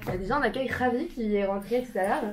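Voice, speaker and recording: A young woman in her twenties the suburbs, giving an informal talk to a small group in a community room, filmed by a camera. She hesitates often, restarts and fills pauses. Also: a little high, a crowd in the background. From France, Paris suburbs. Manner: hesitant, many fillers and restarts, self-conscious laughter.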